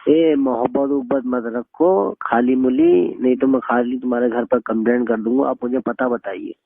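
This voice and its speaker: On a tinny telephone recording, a young northern Indian man who took the call scolds and argues bluntly. He speaks at a normal pace in a medium pitch, slightly rough with vocal fry, and the recording is dry.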